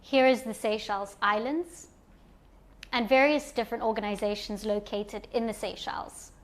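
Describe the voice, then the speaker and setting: A woman from Zimbabwe guiding viewers through an online platform in a calm, step-by-step screen walkthrough. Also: a little high, moderate pace. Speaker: platform presenter.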